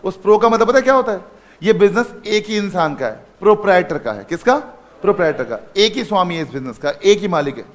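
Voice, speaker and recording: High-voiced man teaching accounting to a class. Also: lively intonation, fast talker. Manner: calls students son, asks and repeats answers. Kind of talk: classroom lecture.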